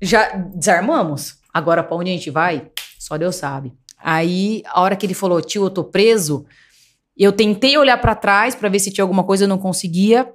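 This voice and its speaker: Animated young Brazilian woman telling a story. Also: mid-range voice, normal speed. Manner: animated, acts out quoted voices. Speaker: podcast guest. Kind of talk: casual storytelling.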